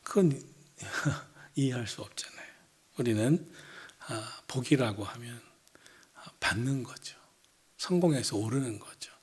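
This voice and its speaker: A middle-aged man preaching an evening church sermon as senior pastor, earnest, dropping to hushed lines and rising to loud emphatic ones. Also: medium pitch, expressive, a little slow, pauses often, slightly rough.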